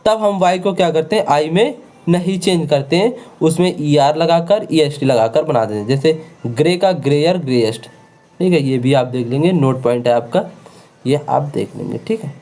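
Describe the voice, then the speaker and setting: A man's voice: fairly high pitch, normal speed, dark tone. A male teacher giving an online grammar lesson, who repeats words over and over and keeps asking rhetorical questions to check the class is following. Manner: repetitive, drilling words over and over.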